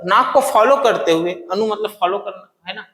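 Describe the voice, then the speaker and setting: Man, teacher, high voice, asks and answers himself, echoey classroom. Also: moderate pace, sharp tone. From Chhattisgarh, India. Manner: repeats key terms, asks and answers own questions, stretches words to demonstrate. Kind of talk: classroom grammar lesson. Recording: echoey room with long reverb.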